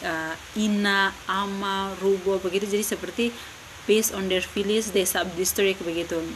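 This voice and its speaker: A young woman talks through a class presentation in a mid-range voice. She hesitates a lot and keeps filling gaps with "uh". Faint noise sits under her voice. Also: mid-range voice. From Lembata, eastern Indonesia. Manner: hesitant, many fillers, switching between English and Indonesian. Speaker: university student.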